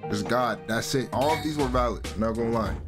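A man's voice: mid-range voice, brisk. A man hosting a let's play, talking casually in a rambling, slangy way. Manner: rambling, slangy, keeps saying "bro". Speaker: gaming channel host. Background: game music.

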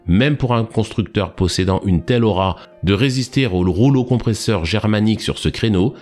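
Man narrating formally over soft music. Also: on the low side. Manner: formal, literary phrasing read evenly. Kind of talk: scripted narration. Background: faint background music.

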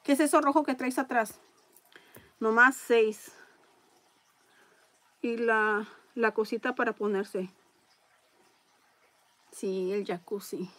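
A woman hosting a casual live-stream raffle, chatting along and reading viewer comments out loud. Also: on the high side, fairly even intonation, slow pace, long pauses.

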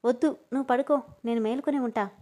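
A woman reading a storybook who voices a playful, talkative young woman, teasing and often pitched up. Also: fairly even intonation, fast talker, mellow, close to an everyday voice. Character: playful, chatty young woman on her first flights.

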